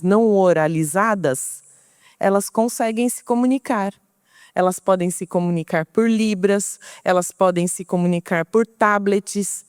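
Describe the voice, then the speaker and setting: A woman's voice: medium pitch, darkish tone, clear, resonant tone, dry recording, clean studio sound. A middle-aged woman with a Brazilian Portuguese accent, giving an informal talk and explaining patiently, often asking and answering her own questions.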